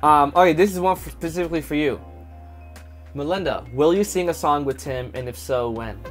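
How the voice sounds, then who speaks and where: Chatting with his wife for their couple's channel Q&A, the young co-host keeps things easygoing and rambling, peppered with "like" and "you know." He speaks fairly quickly at a fairly high pitch, with faint music behind him.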